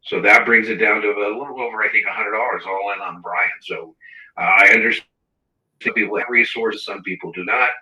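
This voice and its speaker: A man's voice: fairly even intonation, brisk, bright, forceful tone. Man with tinny, lo-fi audio. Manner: chatty, repeats words for emphasis. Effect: tinny, low-quality audio cutting in and out. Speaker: securities exam instructor hosting a live Q&A. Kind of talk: casual livestream talk. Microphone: wrong mic across the room. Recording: tinny, roomy sound from a mic far off.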